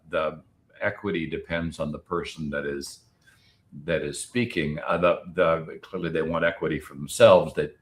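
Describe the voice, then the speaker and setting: A man with a low-pitched voice speaks as a panelist. He reasons aloud in a measured, analytical manner, often restarting his phrases. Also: a bit bright. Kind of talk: extemporaneous panel commentary.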